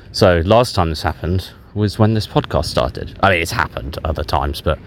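A man recording himself on a handheld voice recorder in a park, low and numb, talking in a halting, hesitant way full of pauses, frank about how he feels. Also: expressive, slight background noise. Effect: self-recorded on a handheld voice recorder. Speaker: podcast host. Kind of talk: candid personal voice memo. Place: outdoors in a public park.

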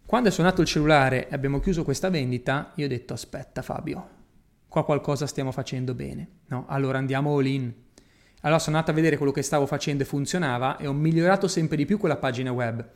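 A man giving an energetic, emphatic motivational talk about going digital, repeating his key points. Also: medium pitch, quick pace. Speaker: digital business coach.

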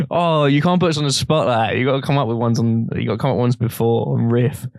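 A man's voice: mid-range voice, creaky, a little mellow, no echo, studio quality. A man co-hosting a podcast, teasing and swearing in casual drunken chat. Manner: laughing, crude, teasing. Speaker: podcast co-host. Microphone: studio mic.

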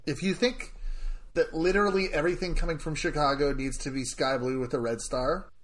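A man's voice: fairly high pitch, steady tone, fairly quick. A man co-hosting a casual soccer podcast, hesitant and searching for words with many fillers. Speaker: podcast co-host. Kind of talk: casual sports chat.

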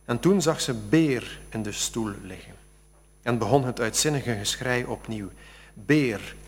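A man, an author, reading a passage from his novel aloud after explaining it with halting speech. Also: mid-range voice, slightly rough. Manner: halting, with many fillers when talking freely.

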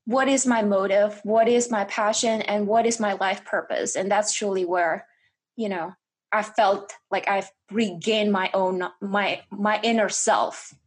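A woman's voice: mid-range voice, steady tone, measured pace, slightly rough. A woman from Indonesia speaking earnestly as a guest in an interview, restarting often and leaning on fillers. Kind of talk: candid interview conversation.

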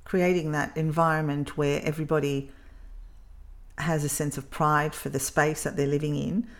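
A woman's voice: low voice, level tone, normal speed. A woman in casual conversation, speaking thoughtfully with frequent restarts as she works out her ideas. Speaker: parent, podcast co-host.

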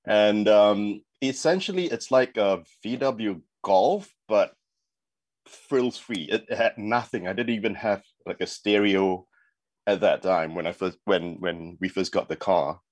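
A deep-voiced man in his forties from Singapore, talking casually as an interview guest. He wanders through his answers with plenty of fillers and restarts. The sound is dry and close, with no room around it. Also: a little slow, no echo. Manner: relaxed and rambling, many fillers and restarts. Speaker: guest, advertising creative.

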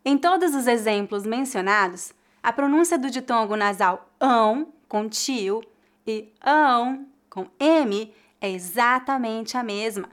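Brazilian lady teacher, slow careful drills, kinda high voice. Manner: slow, careful, clearly articulated model words. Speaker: Portuguese teacher. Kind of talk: pronunciation lesson, repeat-after-me drills.

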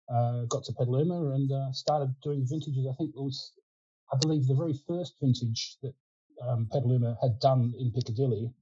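A man in his sixties, with an Australian accent and Ukrainian as his first language, guests on a casual interview about his work as a winemaking consultant. His mid-range voice is slightly rough and the sound is lo-fi. He rambles easily, with plenty of fillers and restarts.

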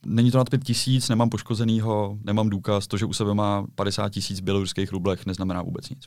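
A man chatting casually as a guest, telling stories briskly. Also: on the low side, little pitch movement, darkish tone, no echo. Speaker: guest, street video maker. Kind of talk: casual conversation.

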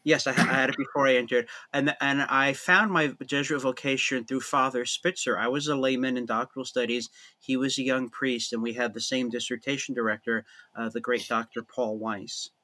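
Witty, animated male priest guest. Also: mid-range voice, brisk. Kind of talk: conversational interview.

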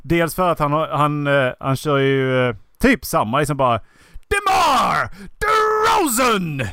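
A young man in casual banter, talking in quick bursts, laughing and shouting out impressions. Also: mid-range voice, steady tone, clean tone, dry recording, studio quality. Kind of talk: casual chat.

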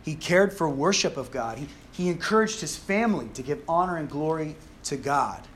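A man's voice: on the high side, lively intonation, moderate pace, fairly bright tone, slight background noise. A man preaching a sermon, telling a scripture story in an earnest, emphatic way.

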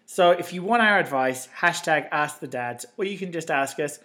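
A man with a slightly higher voice, co-hosting a relaxed podcast chat. He reads posts aloud and reacts to them with animated swings in pitch. A lingering cough breaks in now and then. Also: normal speed. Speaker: podcast co-host.

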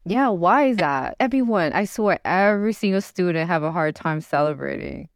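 A woman hosts a business podcast, interviewing a guest casually in an encouraging, coaching manner with fillers like "you know." Her lowish, creaky voice has lively intonation at normal speed, and the studio sound is clean with no echo.

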